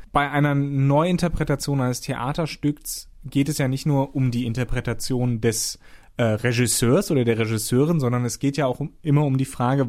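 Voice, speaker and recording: A man co-hosting a podcast, speaking in a thoughtful, measured way with hesitant fillers. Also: mid-range voice, darkish tone. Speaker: podcast co-host. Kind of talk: casual discussion.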